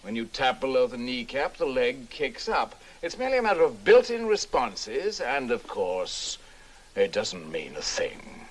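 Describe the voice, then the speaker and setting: A middle-aged actor playing a suave American scholar and host, with a wry, urbane manner, in 1960s film acting. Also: male voice, medium pitch, very animated, measured pace. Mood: lecturing.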